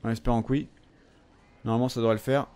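A man's voice: medium pitch, level tone, quick pace, warm tone, clean tone. A young man giving casual gameplay commentary, rambling with lots of fillers and frequent swearing. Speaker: gamer.

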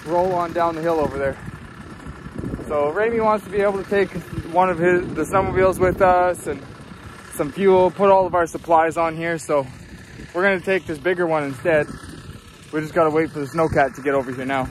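Chatty male vlogger, a bit breathless, higher-pitched voice, filmed outside in winter with loud engine noise behind. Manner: chatty, explains plans as he goes. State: slightly out of breath. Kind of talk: casual vlog narration. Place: outdoors in snow behind a workshop. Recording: noisy outdoor audio with engines.

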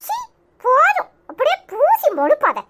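A woman's voice: very high voice, wildly swooping pitch, measured pace, background noise, full character voice. A woman voicing a sarcastic, nagging young grandson with a Tirunelveli Tamil accent in a cartoon. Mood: mocking. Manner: nagging, mocking questions. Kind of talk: cartoon voice acting.

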